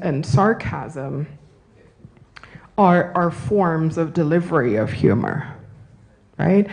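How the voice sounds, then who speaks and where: A woman's voice: lowish voice, dark tone, highs cut off. A woman who grew up in Germany and Italy, giving a university lecture and answering questions, talking in a discursive way and often checking in with "right?". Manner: discursive, self-correcting, asks "right?". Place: university auditorium.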